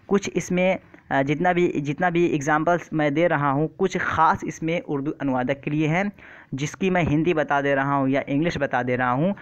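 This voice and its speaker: Quizzing viewers again and again and going back over terms, a man runs an exam-prep vocabulary class online. He speaks on the high side, and the recording lacks its top frequencies.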